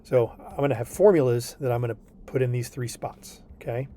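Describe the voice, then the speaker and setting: Brisk and mellow, a medium-pitched male voice leads an online session on homework. He explains things patiently and reassuringly, often asking the student "okay?".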